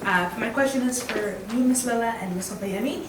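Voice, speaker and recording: Audience questioner, woman, earnest, noisy roomy recording. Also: a little high. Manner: earnest, hesitant with "uh" pauses. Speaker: audience member asking a question. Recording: echoey hall, distant mic, clear background noise.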